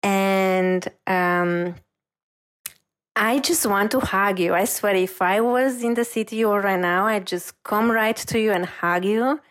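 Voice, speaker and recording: While offering an intuitive reading, a female reiki master talks at an unhurried, measured pace. She sounds earnest and gently reassuring, with a pitch in the ordinary middle range for a woman.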